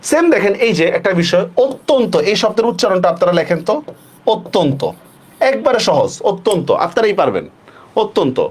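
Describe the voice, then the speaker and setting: Lively high-voiced teacher. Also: male voice, fast talker, few pauses. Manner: repeats questions to students, checks understanding often. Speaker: online teacher. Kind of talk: live online class lesson.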